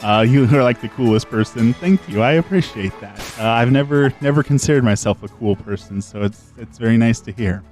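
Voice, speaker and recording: A middle-aged man streams a game and chats casually but earnestly with viewers, answering them through a desk microphone with lots of fillers and restarts. Outgoing and extroverted, he talks briskly at a medium pitch with hardly any pauses, in a slightly mellow voice over faint background music.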